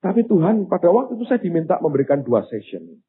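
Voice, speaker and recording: An older man, preaching a sermon with storytelling and animated, sometimes loud exclamations. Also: on the high side, fast talker, husky. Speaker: pastor. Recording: phone-like thin sound.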